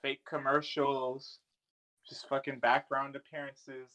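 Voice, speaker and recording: A man's voice: medium pitch, level tone, takes it slowly, sharp tone. A man co-hosting a podcast in casual chat over an online voice call, tossing out ideas in a laid-back, offhand way. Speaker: podcast co-host.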